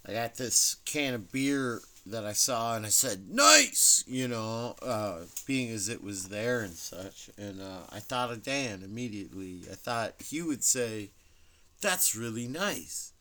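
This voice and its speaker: A man introducing a song and dedicating it to a friend in a halting, rambling way. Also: fairly low pitch, fairly bright tone. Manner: halting and rambling, with long pauses. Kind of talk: casual spoken song dedication.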